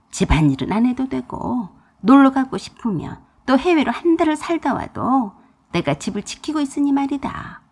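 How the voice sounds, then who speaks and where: A nagging older mother-in-law who drawls her scolding slowly, her voice swinging widely up and down, as a woman puts her on. The tone is husky and breathy, like a cranky elder in a radio drama. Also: fairly high pitch, a little mellow, heavily acted. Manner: nagging, bossy, slow drawl.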